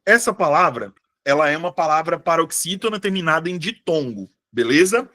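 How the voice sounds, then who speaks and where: A man teaches a live online class. His voice sits a little high for a man, and he keeps up a chatty, informal tone. He checks in with his viewers often as he talks. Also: animated, fairly quick, sharp tone. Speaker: online exam-prep teacher.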